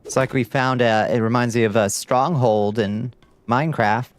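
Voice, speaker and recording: A middle-aged American man from Georgia speaks in a mid-range voice with a light Southern twang, at a normal pace, over slight background noise. He's a streamer with a laid-back drawl, chatting wryly and casually with his viewers as he plays a game live.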